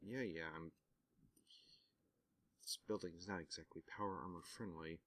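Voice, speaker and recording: A man's voice: low-pitched, fairly even intonation, normal speed, a bit bright. A man giving casual let's-play commentary on a game, with wry, self-mocking asides. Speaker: gaming commentator.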